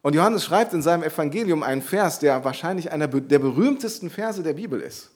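A man's voice: on the high side, lively intonation, fast, darkish tone. A man preaching a sermon, explaining a Bible passage in an earnest, teaching way and repeating key phrases for emphasis.

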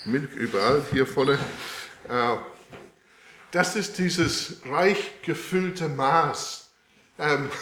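A man preaching a sermon with a live demonstration, speaking in a halting way with many fillers and restarts. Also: fairly high pitch, fairly bright tone. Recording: echoey room.

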